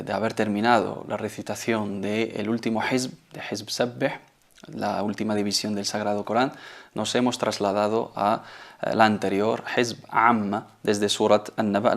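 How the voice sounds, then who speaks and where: A man hosting a televised lesson, explaining recitation rules in a measured way and mixing in Arabic phrases. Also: lowish voice, creaky. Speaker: Quran recitation teacher, show host.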